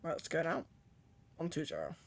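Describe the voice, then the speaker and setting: A man's voice: on the high side, sing-song, fairly quick, gravelly, a little hiss or hum. A man chatting casually on a livestream as a virtual pilot, murmuring asides to himself and reading back radio calls. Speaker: flight sim streamer, virtual pilot.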